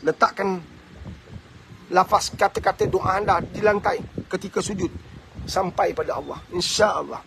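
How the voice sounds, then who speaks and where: Very high-voiced Malaysian man giving advice. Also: moderate pace, creaky, noisy background. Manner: animated, preachy, teasing. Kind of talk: live advice talk answering viewer questions.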